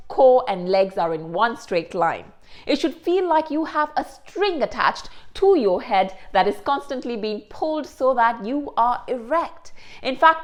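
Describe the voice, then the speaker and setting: A woman presents a self-improvement lesson. Her fairly high voice rises and falls in a lively way. She explains each step clearly and carefully. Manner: clear, careful explanations with occasional Hindi asides. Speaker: host. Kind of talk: instructional presentation.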